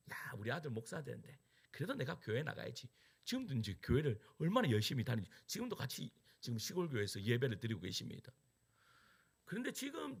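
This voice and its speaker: A middle-aged man preaching as a pastor, telling a personal story with sudden loud peaks and hushed asides. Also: a little high, vocal fry, husky.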